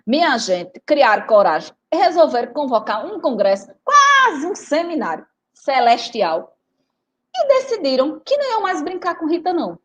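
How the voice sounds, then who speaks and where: A woman from Recife, a teacher and writer giving a lively storytelling talk and speaking straight to her audience. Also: high voice, moderate pace. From Recife, Brazil. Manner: animated, chatty, addresses audience directly.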